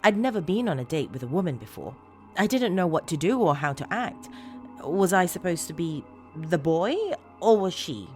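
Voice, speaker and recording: A female narrator plays a disturbed woman telling a horror confession over music. Her voice is low and swings expressively as she confides with obsessive, unsettling fondness, pausing deliberately for drama. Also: animated, darkish tone, close to an everyday voice. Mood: wistful, eager. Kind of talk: first-person horror story narration, acted monologue.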